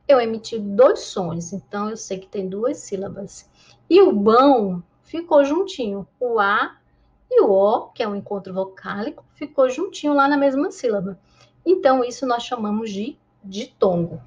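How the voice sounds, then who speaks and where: Brazilian woman teacher, slow and clear. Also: muffled recording. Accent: Brazilian Portuguese. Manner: slow, drawn-out syllable-by-syllable pronunciation; answers imagined pupil objections in a higher mock voice. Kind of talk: classroom lesson.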